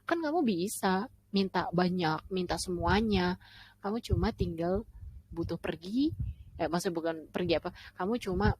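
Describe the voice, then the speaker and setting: A woman voicing a whiny crowd of ancient grumblers who scold and blame, rattling off demands in a high, nagging tone. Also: expressive, darkish tone, husky, poor audio. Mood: whiny blaming. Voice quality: high, scolding, listing things rapidly.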